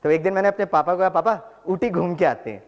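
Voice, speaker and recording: Animated high-voiced man in an echoing hall. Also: fast talker, dull audio. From Tamil Nadu, India. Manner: animated storytelling, mixing Hindi and English, acting out dialogue. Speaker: spiritual talk speaker, engineering professor. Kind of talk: motivational talk to an audience. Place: large hall before an audience. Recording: long hall reverb.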